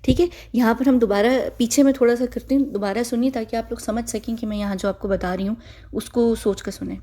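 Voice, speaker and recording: A woman's voice: on the high side, fairly even intonation, a little fast, warm tone. A woman, giving casual, mocking commentary on a clip and lecturing her viewers.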